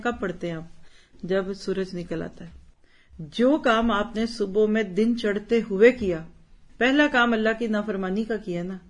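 A woman giving a religious talk as a teacher, persuasive and full of rhetorical questions, slipping English words into her speech. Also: medium pitch.

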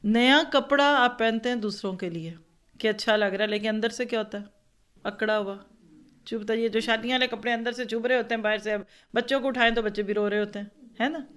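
A woman's voice: on the high side, brisk, a bit bright, smooth. A woman giving an earnest religious lecture to a class of women. She talks in an instructive way, repeats points for note-taking, and acts out different tones of voice as examples. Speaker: religious teacher.

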